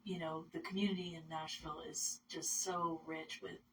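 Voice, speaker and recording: A woman's voice: sits low, little pitch movement, moderate pace. A woman from Massachusetts, a musician guesting on a radio show, chatting casually with many fillers. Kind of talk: casual interview talk. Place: radio studio. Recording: distant mic with faint noise.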